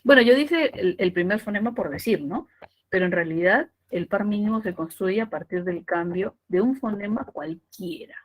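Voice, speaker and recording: A woman giving a pre-university language lecture, explaining step by step with rhetorical questions and drawing out key terms slowly. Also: medium pitch, expressive. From Peru. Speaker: language teacher.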